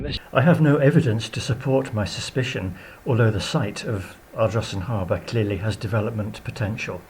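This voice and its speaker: Wry man vlogging over clear background noise. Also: mid-range voice. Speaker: vlogger presenting a travel film. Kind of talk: casual vlog commentary.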